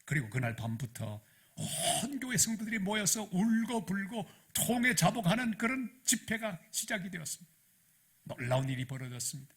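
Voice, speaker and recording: A middle-aged man preaches a sermon, telling his story with lively, animated delivery that swells into loud emphasis. His voice is husky and bright, sitting a little high for a man. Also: moderate pace. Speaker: pastor.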